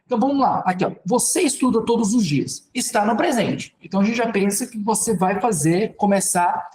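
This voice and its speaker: Casual Brazilian teacher explaining grammar. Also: male voice, high voice, brisk, a little mellow, a little hiss or hum. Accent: Brazilian Portuguese. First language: Portuguese. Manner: conversational, repeats "ok, gente" and "então". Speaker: English teacher. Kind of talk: casual spoken lesson at a board.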